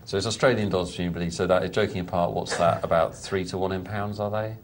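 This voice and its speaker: A man's voice: sits low, fairly even intonation, fast, slight background noise. A man commentating live poker with dry, self-mocking humour and banter.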